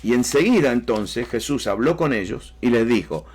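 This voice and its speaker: A man's voice: medium pitch, expressive, normal speed, a little hiss or hum. A man preaching a sermon emphatically, with rising bursts and repeated phrases. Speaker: pastor.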